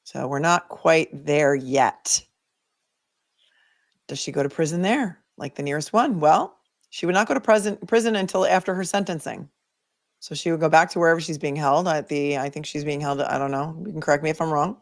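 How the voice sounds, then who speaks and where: Speaking at a moderate pace in a low voice, a woman with a Boston accent runs a legal livestream. She responds to viewer comments in a conversational, opinionated way, often thinking out loud.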